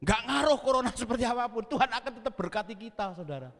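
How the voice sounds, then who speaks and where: A man's voice: extremely high pitch, animated, quick pace, gravelly. A man with a Javanese accent preaching a sermon as pastor, telling a story and acting out scenes with sound words. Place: church hall. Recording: long reverb of a church hall.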